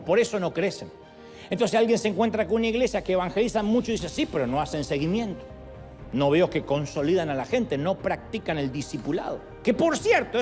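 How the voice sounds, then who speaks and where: A middle-aged man preaching a sermon in an animated, humorous way, with sudden jumps in pitch. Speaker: pastor. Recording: reverberant hall with faint music.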